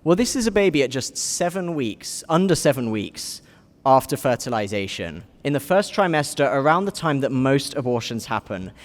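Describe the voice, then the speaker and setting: A man's voice: mid-range voice, very animated, moderate pace. A man giving a conference keynote speech, explaining step by step and dropping dry jokes. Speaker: keynote speaker. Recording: hall reverb.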